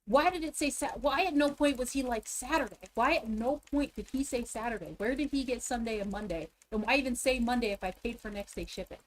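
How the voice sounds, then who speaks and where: A woman with a somewhat high voice vents her frustration in a casual story. She talks in an exasperated way and keeps repeating lines to stress her point. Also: fairly quick, few pauses, poor audio.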